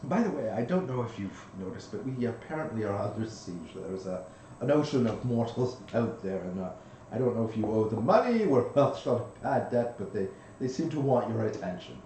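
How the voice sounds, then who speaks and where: A man's voice: mid-range voice, big pitch swings, a little fast, dark tone, far from the mic, a little hiss or hum, natural voice. A game master voicing a jokey male housemate who hands out Molotov cocktails. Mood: wry. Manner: wry, joking. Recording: roomy echo.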